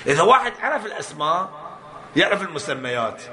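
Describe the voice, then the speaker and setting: A man's voice: a little high, very animated, quick pace, sharp tone. A man giving a religious lecture, emphatic, often asking and then answering his own rhetorical questions. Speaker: preacher.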